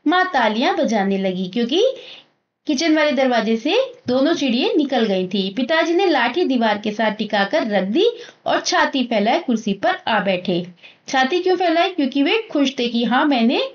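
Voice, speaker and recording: Woman schoolteacher, high-pitched, reads aloud and explains in simple terms, dull lo-fi sound. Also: big pitch swings, moderate pace. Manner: explains each passage in plain, simple terms. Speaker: teacher. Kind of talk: reading and explaining a story in a school lesson. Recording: muffled lo-fi recording.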